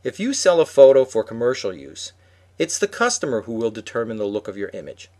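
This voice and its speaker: A man's voice: mid-range voice, sing-song, brisk, a little mellow. A man co-hosting a podcast, reading a prepared script in an instructive way. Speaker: podcast co-host.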